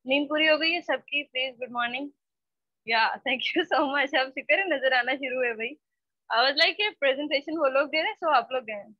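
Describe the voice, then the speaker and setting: A woman's voice: high-pitched, moderate pace, no room sound. A woman teaching a spoken English class online, scolding her students and switching between Hindi-Urdu and English. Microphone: computer mic on a video call. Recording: dull, dry online-call audio.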